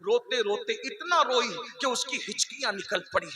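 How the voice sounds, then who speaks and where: A man giving an impassioned sermon at a conference, swinging between soft storytelling and shouting. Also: extremely high pitch, lively intonation, moderate pace. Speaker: religious orator. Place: large hall. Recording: echoey hall with long reverb.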